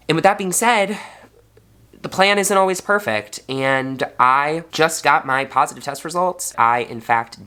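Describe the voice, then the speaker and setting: A young man, a fourth grade teacher, talks earnestly and heartfelt in a personal vlog. His voice is mid-range with a sharp tone, and he sounds congested.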